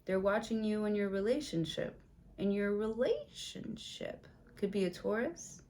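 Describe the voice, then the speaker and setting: A woman's voice: medium pitch, lively intonation, unhurried, darkish tone. A woman giving a casual tarot reading, blunt and chatty with plenty of swearing, in a room with a window open. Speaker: tarot reader.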